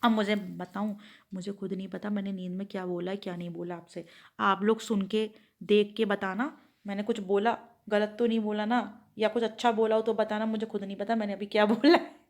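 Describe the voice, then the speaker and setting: A woman's voice: mid-range voice, flat delivery, a little fast, a little mellow. A woman vlogging casually at home, thinking aloud and rambling to her viewers. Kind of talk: casual chatty home vlog.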